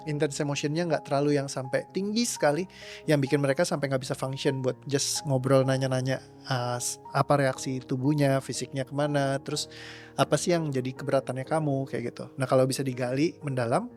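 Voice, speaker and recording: A young man talks through his coaching work in a loose, rambling way, dropping English words as he goes. His voice sits at an average pitch. Soft background music plays beneath him. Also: a little fast. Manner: relaxed, rambling, mixes English words into speech. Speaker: trauma release coach. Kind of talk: casual interview answers.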